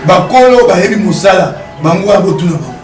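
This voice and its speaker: A man's voice: high-pitched, expressive, brisk, roomy sound, recorded from a distance, music in the background. A man, talking as an interview guest, emphatic and repeating his rhetorical questions. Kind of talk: animated interview talk, mixing French and Lingala.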